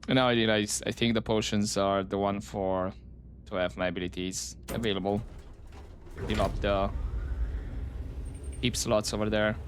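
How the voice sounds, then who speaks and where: Low-voiced man casually commentating a game. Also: level tone, moderate pace, pauses often, a little hiss or hum. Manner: musing to himself. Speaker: let's play gamer.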